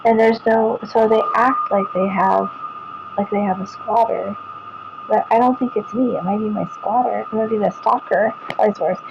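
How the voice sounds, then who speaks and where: A woman's voice: mid-range voice, steady tone, moderate pace, gravelly, lo-fi sound, noisy background. A woman, vlogging casually to viewers, rambling, repeating herself and restarting sentences.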